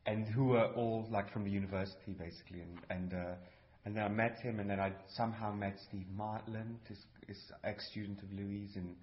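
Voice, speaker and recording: A man in his thirties from Cyprus with a London English accent, a composer speaking haltingly in a casual interview. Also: lowish voice. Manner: halting, many restarts, laughs easily. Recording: dull lo-fi sound.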